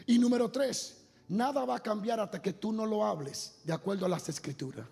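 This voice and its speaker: A man preaching a sermon to a congregation, building from storytelling into loud, half-sung shouting. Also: high-pitched, brisk, vocal fry, slightly rough. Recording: long hall reverb, faint music.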